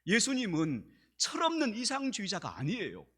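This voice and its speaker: Male pastor, animated sermon delivery, high and breathy-edged. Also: normal speed. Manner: animated preaching that acts out quoted speech.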